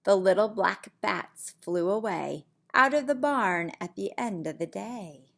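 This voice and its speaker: In a small room at home, a middle-aged woman reads a picture book to young children the way a preschool teacher would. Her mid-range voice moves slowly in a lively, sing-song rhythm with a slight creak, and she stops for simple asides and counting questions.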